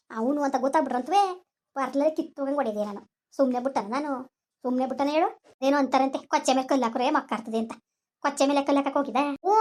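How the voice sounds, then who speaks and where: A woman's voice: high voice, lightly acted. A woman playing a quarrelsome elderly village grandmother who scolds and rants, appealing to her listeners in a comedy skit.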